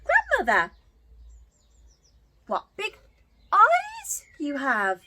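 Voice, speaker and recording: A woman's voice: very high voice, wildly swooping pitch, extremely slow, sharp tone, slight background noise, voice pushed up, full character voice. A woman voicing a sweet, innocent, wide-eyed little girl from a children's storybook in a singsong manner. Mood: amazed, wary.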